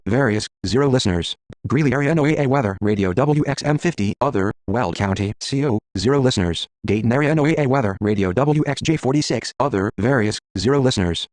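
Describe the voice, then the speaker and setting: This is a screen reader's synthetic male voice, mid-range and darkish, reading out list entries. Its delivery is flat, mechanical and clipped, with letters and numbers spoken evenly. There's no echo.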